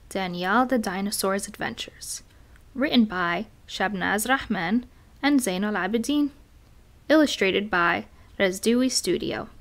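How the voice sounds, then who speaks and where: A woman reading a children's picture book aloud as a storyteller, in a gentle, expressive, sing-song manner. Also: fairly high pitch.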